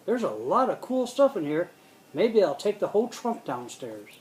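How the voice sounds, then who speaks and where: A woman voicing a cheerful young male cartoon mouse, with quick, eager exclamations. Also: lowish voice, big pitch swings, darkish tone, poor audio.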